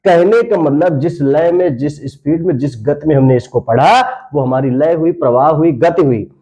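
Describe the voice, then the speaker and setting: A man teaching a grammar lesson, explaining slowly with many repeated phrases and drawing out verse lines as he chants them. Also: on the high side, dark tone.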